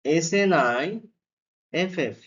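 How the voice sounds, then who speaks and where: A man's voice: on the high side, very slow, a bit bright, slightly rough, lo-fi sound. A man teaching a beginners' spelling lesson. He spells each word letter by letter, then sounds it out syllable by syllable. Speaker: phonics teacher.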